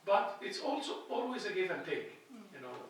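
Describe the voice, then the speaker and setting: Speaking into a handheld mic at a lectern, this middle-aged man from Egypt delivers a classroom lecture in front of a projected slide. He sounds high and sing-song at a moderate pace, earnest, thinking aloud and restarting frequently. A distant camera captures him, leaving the hall echoey and remote.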